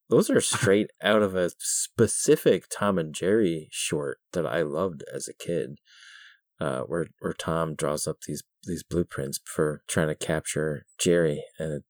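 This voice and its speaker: Podcast co-host, middle-aged man, low-pitched, wry and chuckly, stop-start phrasing, dry studio mic. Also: no echo. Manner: chuckling, hesitant restarts, wry. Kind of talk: casual chat about a film.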